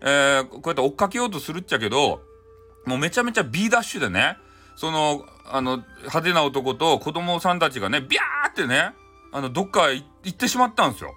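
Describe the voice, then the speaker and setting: A storyteller hosting an audio show retells a folk tale for bedtime in a casual, folksy way, chatting with lots of asides in a Hakata (Fukuoka) Japanese accent. His slightly high voice is bright and forceful, fast, with big pitch swings, over soft background music.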